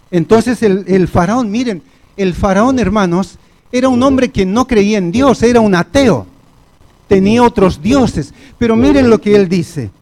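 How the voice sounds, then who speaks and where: A man with an Argentine Spanish accent preaching a sermon in a church, deliberate and measured, often turning to the congregation. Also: high voice, darkish tone.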